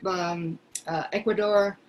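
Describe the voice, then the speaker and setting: An older woman from Peru, a singer, talking earnestly and reflectively from her living room on a video call, pausing often. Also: lowish voice, fairly even intonation, darkish tone, rough recording. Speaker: singer sharing a song. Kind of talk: casual video call chat. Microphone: headset mic on video call.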